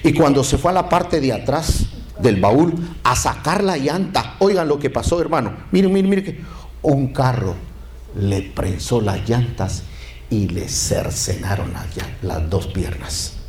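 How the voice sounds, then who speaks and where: A man's voice: mid-range voice, a little slow, slight background noise. A man preaches a sermon, pressing the congregation for amens. His voice rises and falls widely. It rings out in an echoey church. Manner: lively, calls to the congregation for amens.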